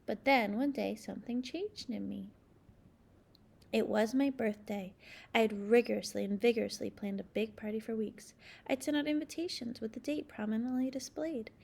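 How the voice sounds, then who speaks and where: Reading a children's tale, this storybook narrator has a somewhat high, often creaky voice with a darkish, steady tone. Her moderate-paced delivery is expressive, stressing important words dramatically.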